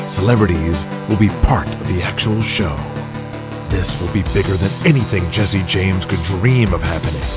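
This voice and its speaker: In an audio drama, a man with a low-sitting voice plays a domineering, vulgar, grandiose boss of a wrestling company, speaking commandingly, scornfully, and with heavy emphasis.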